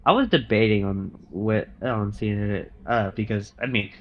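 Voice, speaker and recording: A man's voice: fairly low pitch, normal speed, muffled recording, a little hiss or hum. A young man co-hosting a podcast in casual chat, giving brief, laid-back replies. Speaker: podcast co-host.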